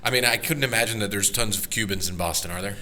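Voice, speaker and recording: Quick bright-sounding guy hosting a podcast, swears a lot, super hyped talking food. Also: fairly low pitch. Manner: profane, emphatic, enthusiastic. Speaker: podcast host and chef. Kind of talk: casual podcast chat.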